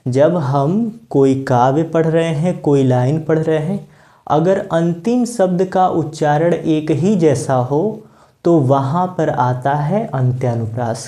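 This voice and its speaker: A man teaching a Hindi grammar lesson, explaining patiently, repeating key words and reciting verse lines slowly. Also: fairly high pitch, mellow.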